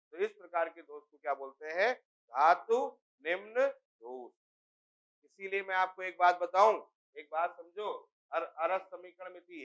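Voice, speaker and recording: A man's voice: sits high, fairly bright tone, lo-fi sound. A male chemistry teacher lecturing a class, explaining step by step and repeatedly asking students if they understand.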